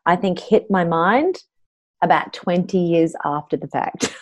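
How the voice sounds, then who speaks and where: A middle-aged Australian woman, her voice a bit low for a woman and a little slow, appears as an interview guest. She's a voice coach, telling her story and discussing her work openly and earnestly.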